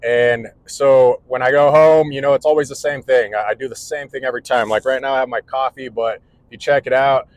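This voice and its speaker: A man's voice: mid-range voice, fairly even intonation, brisk, hardly any pauses, no echo, poor audio. Earnest rambling man in his forties. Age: 40s. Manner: rambling, earnest, restarts often. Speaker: electrical contractor vlogger. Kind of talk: casual vlog monologue. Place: indoors at home.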